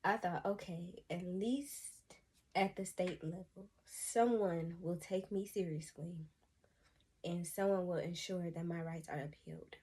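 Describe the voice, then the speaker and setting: A woman's voice: on the low side, a little slow, darkish tone, slightly rough. A young adult woman from the United States giving an emotional personal testimony to camera, earnest, sighing often and calling her viewers y'all. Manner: earnest, addresses viewers as y'all, frequent sighs.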